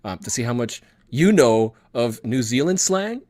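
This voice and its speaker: A man's voice: medium pitch, big pitch swings, a little slow, darkish tone. A man with a Canadian accent hosting a casual livestream chat, jovial and often chuckling as he talks. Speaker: livestream host.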